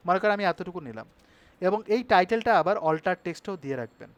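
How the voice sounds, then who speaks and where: High-voiced man teaching a web design class. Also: lively intonation, dry recording. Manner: brisk, checks in with students often. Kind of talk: live online class tutorial.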